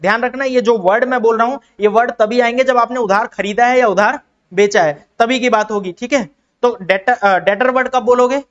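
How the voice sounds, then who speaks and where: High-voiced man teaching accounting. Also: fairly bright tone, muffled recording. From India. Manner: repeats key terms, asks and answers his own questions; acts out quick exchanges in other voices. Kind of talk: classroom-style explanation with questions to students.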